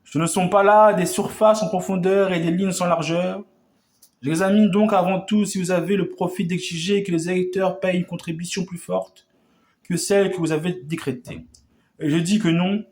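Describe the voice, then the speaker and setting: A man with a fairly high voice delivers an old revolutionary speech as oratory. He builds long rhetorical sentences and often trips over words and starts them again. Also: steady tone, normal speed, a little mellow, slight background noise. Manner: oratorical, with frequent stumbles and restarts. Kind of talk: declaiming a historic revolutionary speech.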